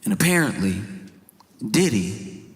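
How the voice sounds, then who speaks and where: A man performing a stand-up comedy monologue, animated and incredulous, with jokey asides. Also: fairly low pitch, unhurried, big-room sound.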